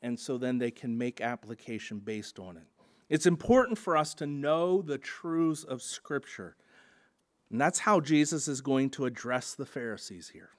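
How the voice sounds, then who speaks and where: A man preaching a sermon in an earnest teaching tone, often starting with "and so" and pausing on "uh". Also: medium pitch, animated. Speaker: pastor.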